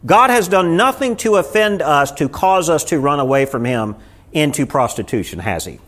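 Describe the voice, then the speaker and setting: This male pastor sounds a little high and a bit bright, speaking at a moderate pace with animated delivery. Teaching a small Bible study group in a church room, he gives a conversational sermon full of rhetorical questions.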